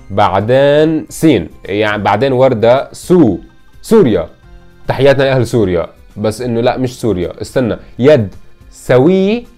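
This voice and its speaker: Young male host, mid-range voice, chatty puzzle commentary with excited pitch jumps, soft music underneath. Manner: thinks aloud, spells out letters, pitch leaps when excited. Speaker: YouTube host. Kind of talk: casual puzzle-solving commentary.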